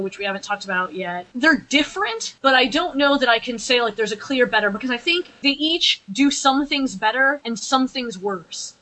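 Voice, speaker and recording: Woman on a podcast talking through reviews, kinda high voice, measured and opinionated. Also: sharp tone, low-quality recording. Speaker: podcast co-host. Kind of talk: casual review discussion.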